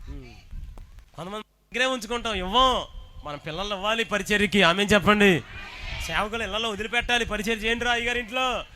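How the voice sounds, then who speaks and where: A man preaching a sermon, calling on the congregation to answer and shouting praises. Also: high voice, a little hiss or hum. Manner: shouts praises and urges the congregation to respond loudly. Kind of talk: sermon with call-and-response.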